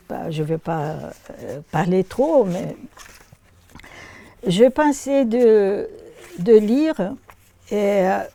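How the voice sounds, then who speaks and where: Slow, mellow woman with Brazilian accent. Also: medium pitch, dry recording. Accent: Brazilian Portuguese. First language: Portuguese. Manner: reflective, searching for words, soft laughs. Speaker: author presenting her book. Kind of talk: bookshop talk and reading aloud.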